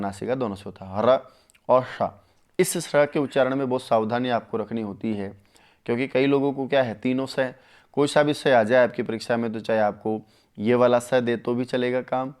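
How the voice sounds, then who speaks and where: A man runs a live online Sanskrit lesson for exam takers, speaking close to the mic. He talks with eager warmth toward his students. He drags out each grammar rule syllable by syllable so the class can follow. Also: mid-range voice, clean tone. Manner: enthusiastic, addresses viewers as friends, slows to spell out sutras. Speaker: Sanskrit teacher.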